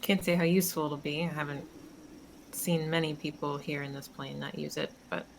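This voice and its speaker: A woman calmly playing her character in a tabletop role-playing game, with a dry manner. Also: low voice, brisk, vocal fry, very noisy. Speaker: player.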